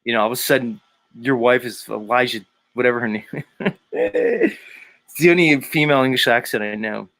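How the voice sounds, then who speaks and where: A man's voice: mid-range voice, sing-song, normal speed, gravelly, a bit bright, no echo. Guy streaming, crude and jokey, laughs a lot, dry close mic. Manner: crude, mocking, laughs often. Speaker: streamer host. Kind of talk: casual livestream chat.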